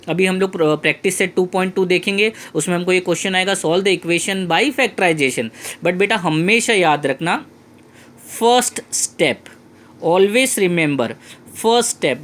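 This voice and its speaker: A male math tutor with an Indian English accent, teaching a lesson and repeating key phrases slowly to his students. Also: sits high, a bit bright. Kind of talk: classroom lesson.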